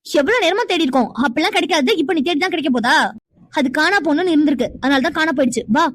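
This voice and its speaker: A woman's voice: high voice, very fast, dry recording, studio quality, natural voice. A woman voicing a bossy, protective young village girl who scolds and insists in a cartoon. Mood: urgent. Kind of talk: cartoon voice acting.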